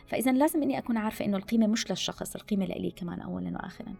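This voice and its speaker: A woman talks very fast, with a gravelly, fry-tinged edge to her voice. She gives animated advice in podcast conversation and drops in English phrases. Faint music sits under her voice. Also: mid-range voice. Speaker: guest speaker on listening skills.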